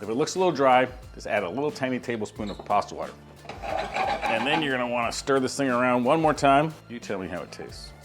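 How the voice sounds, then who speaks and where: A man's voice: medium pitch, expressive, quick pace, music in the background. A man hosting a casual cooking demonstration in a kitchen, talking through each step in an easygoing way with frequent filler sounds. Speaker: chef hosting a cooking demo.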